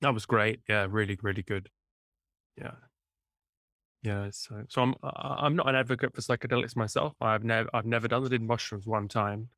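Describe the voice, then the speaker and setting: This podcast host speaks with an English accent from the Cambridge area, keeping his video-call interview casual, friendly, teasing and self-deprecating. His low-leaning voice has fairly even intonation at a normal speed, sounding pushed and bright. The studio recording is clean and echo-free.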